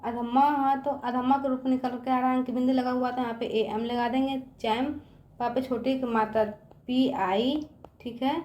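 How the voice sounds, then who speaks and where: A high-pitched woman teacher spells words for children one letter at a time and keeps asking whether they have understood. Her voice rings around an echoey room. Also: little pitch movement, moderate pace, darkish tone, lo-fi sound.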